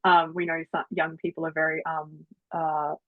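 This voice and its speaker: A woman's voice: sits low, flat delivery, moderate pace, dry recording. Hesitant woman on a tinny line. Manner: hesitant, laughs often, many fillers. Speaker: guest presenter. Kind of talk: online webinar Q&A. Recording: dry, phone-like audio.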